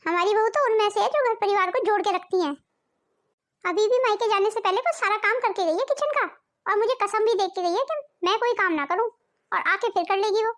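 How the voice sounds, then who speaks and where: Cartoon: woman playing a patient, wise mother-in-law, very high voice. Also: fairly quick, fairly bright tone. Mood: reasoning. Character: fair-minded older mother-in-law, gentle and wise.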